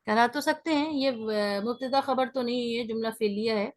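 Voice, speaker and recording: A woman teaching a beginners' grammar class online, explaining step by step and often checking in with her students. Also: on the high side.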